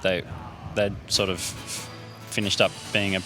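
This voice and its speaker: Relaxed man, low voice. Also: slow, music in the background. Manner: relaxed, chatty, many restarts. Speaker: band drummer, guest. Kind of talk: casual interview chat.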